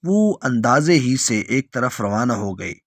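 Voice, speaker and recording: A man tells a storybook tale in a steady, clear reading voice at a middle pitch. The recording is dry and close, with no room sound. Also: dry recording. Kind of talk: scripted storybook narration.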